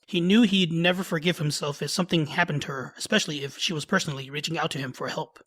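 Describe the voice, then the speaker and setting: A man narrating a love story in a steady storytelling way. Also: on the high side, fast talker.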